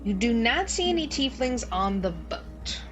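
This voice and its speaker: A woman narrating a tabletop game as game master in a casual, halting, conversational improvised style. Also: on the high side, very animated, over music.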